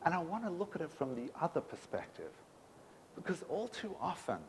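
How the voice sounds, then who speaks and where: Animated rabbi preaching in an echoey hall. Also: male voice, on the high side, a little fast, slight background noise. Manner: animated, emphatic preaching with rhetorical questions. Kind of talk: sermon. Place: synagogue sanctuary.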